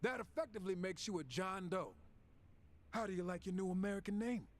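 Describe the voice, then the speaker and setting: A man's voice: high-pitched, animated, brisk. An actor playing a corrupt, sneering police officer in a video game cutscene, mocking and gloating as he frames a suspect, with game music behind. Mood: interrogating. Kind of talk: game dialogue acting. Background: game music score.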